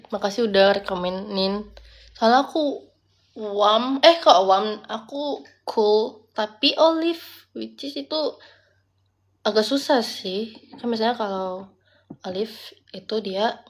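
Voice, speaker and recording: A young woman live streaming, chatting casually and reacting quickly to viewer comments, mixing in English words. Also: a little high. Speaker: livestreamer reading chat comments.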